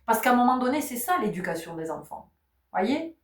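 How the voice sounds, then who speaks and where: A woman's voice: on the high side, very animated, brisk, distant mic. A woman giving a spiritual teaching talk. She repeats her key words and asks many rhetorical questions. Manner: says she is not giving medical advice. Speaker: spiritual channel host. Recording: roomy sound, voice set back from the mic.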